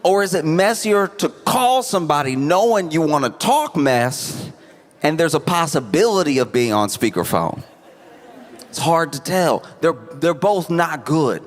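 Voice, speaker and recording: A man telling stand-up comedy stories to a live audience in a conversational way, often repeating phrases haltingly for emphasis. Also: fairly high pitch, sing-song. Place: live venue on stage. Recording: echoey hall with audience noise.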